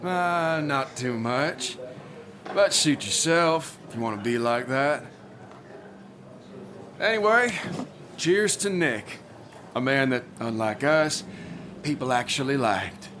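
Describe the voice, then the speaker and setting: A man's voice: mid-range voice, animated, slow, pauses often, crowd noise. A man voicing a sarcastic, needling IT worker in a video game.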